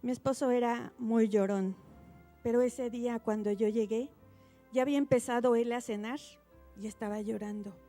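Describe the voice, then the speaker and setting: A middle-aged woman giving a heartfelt faith testimony at a church gathering. She tells her story quietly and grows softer at the tender moments. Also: a little high, fairly even intonation, normal speed, faint music behind. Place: church auditorium.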